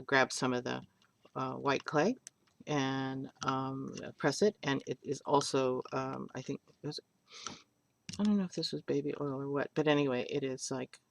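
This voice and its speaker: An older woman talks through a clay craft at her table, taking her time with an unhurried, drawn-out pace. Her voice has a gravelly fry to it, and she rambles and cracks jokes at her own expense as she works. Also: very deep voice, a little hiss or hum. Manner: rambling, joking, self-deprecating. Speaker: polymer clay artist teaching. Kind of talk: chatty craft tutorial. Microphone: webcam.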